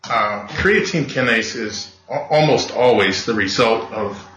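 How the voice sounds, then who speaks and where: A man who is a regular guest expert on a radio show, heard over a speakerphone and explaining things in a steady, factual way. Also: lowish voice, measured pace. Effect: sounds like a speakerphone. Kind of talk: casual radio talk. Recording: roomy echo through a speakerphone.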